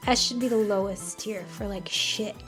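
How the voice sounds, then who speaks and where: A woman's voice: mid-range voice, steady tone, normal speed, a bit bright. An American woman giving casual, opinionated commentary in a blunt, wry, conversational way. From United States. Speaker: video commentator. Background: music.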